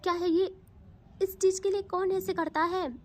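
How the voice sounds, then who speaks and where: A woman's voice: extremely high pitch, flat delivery, normal speed, voice pushed up. A woman voicing an indignant young woman who scolds in an exasperated tone. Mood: scolding.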